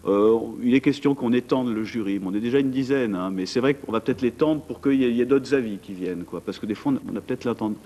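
This TV studio guest, a man in his forties who organizes art events, talks quickly with few pauses in a mid-range, mellow voice whose highs are cut off. He speaks chattily at the desk mic about what he organizes, often restarting and using many fillers.

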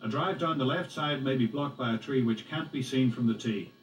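A man's voice: mid-range voice, fairly quick, distant mic, natural voice. A man acting as a golf commentator in a video game, describing holes and shots in a matter-of-fact broadcast style. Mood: descriptive, measured. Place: played through a TV, re-recorded in a room. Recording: roomy game audio filmed off TV, faint noise.

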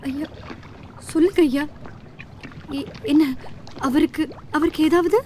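Actress as a high-voiced, anguished widowed mother, radio drama. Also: dark tone, slight background noise. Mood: anxious, pleading. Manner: pleading, halting, deferential. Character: anguished poor fisherman's wife, newly widowed mother. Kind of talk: emotional radio drama acting.

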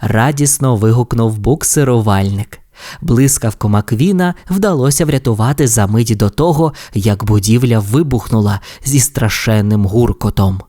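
A man narrating an audio fairy tale for children, reading with lively expression. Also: medium pitch, normal speed. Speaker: storyteller.

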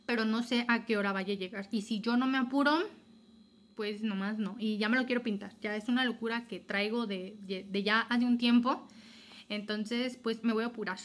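A young woman chatting casually through a home hair-dye tutorial, hurried and addressing her viewers directly. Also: medium pitch. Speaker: beauty vlogger. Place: home, improvised spot.

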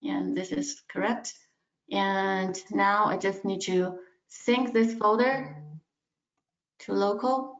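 A woman in a mid-range voice narrates a screen-share software demo, pausing often with fillers. The sound is roomy and dull, like video call audio from a screen recording. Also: mid-range voice, fairly even intonation. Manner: hesitant, many fillers. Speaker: analyst presenting software.

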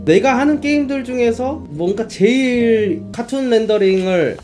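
Guy streamer reacting to a game, high voice, chatty and exclamatory, faint music behind. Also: lively intonation, a little slow, a little mellow. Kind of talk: casual live reaction commentary.

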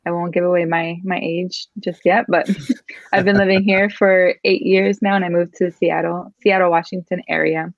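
A chatty guest photographer from Miami, Florida is interviewed casually over a dull video call from a room at home with a chair, captured by her webcam. She laughs easily and fills her speech with lots of "like" and "um," speaking in a lowish, flat voice at normal speed with no echo.

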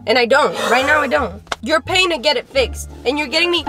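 A woman's voice: high voice, lively intonation, fairly quick, music in the background. A woman in her twenties protesting in exasperation, in casual vlog talk inside a car. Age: 20s. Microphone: camera mounted on the car dashboard.

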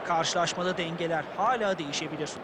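A man's voice: fairly high pitch, fast talker, natural voice. A man performing as a football co-commentator, giving analysis of the match. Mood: analytical. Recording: loud stadium crowd noise behind. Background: loud stadium crowd.

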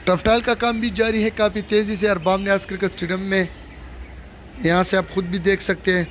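Speaking briskly in a high, fairly bright voice that barely changes pitch, a vlogger walks viewers through a stadium being built. He holds the phone camera himself outdoors, addresses the audience directly, repeats his showing phrases, and faint outdoor noise is present.

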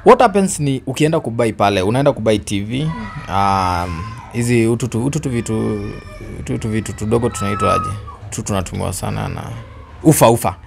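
A Kenyan man in his twenties hosts a casual storytelling chat from a sofa in an indoor living room, code-switching between Swahili and English and sharing a handheld microphone. His lowish voice is gravelly, animated, and brisk.

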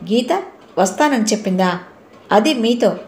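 A woman voicing a proud young woman who speaks quietly but firmly, in a roomy recording. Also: a little high, animated, unhurried. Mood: stern. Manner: quietly firm, questioning. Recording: roomy echo.

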